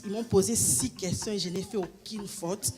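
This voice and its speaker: A woman, a church member, gives a spoken testimony in a medium-pitched, steady, darkish voice at a moderate pace, with faint music behind her. She's hesitant, repeating words and restarting often, and raises her voice when acting out dialogue.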